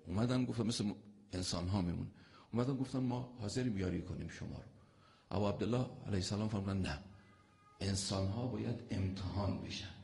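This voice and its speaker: A man preaching a religious sermon, telling stories with loud emphatic lines and soft, intimate ones. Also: low voice, creaky.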